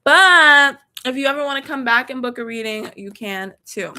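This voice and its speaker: A woman's voice: high-pitched, animated, moderate pace, bright, forceful tone. Casual young woman with a hint of Southern accent, chatting to viewers through a phone or laptop mic. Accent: slight Southern. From Texas. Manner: chatty, slangy, addresses viewers directly. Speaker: tarot reader livestreaming. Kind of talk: casual livestream chat.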